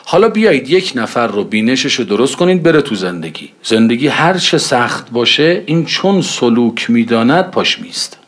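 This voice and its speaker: A man's voice: mid-range voice, sing-song, hardly any pauses. A man preaching in a conversational way, telling anecdotes and acting out the dialogue in them. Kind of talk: storytelling religious talk.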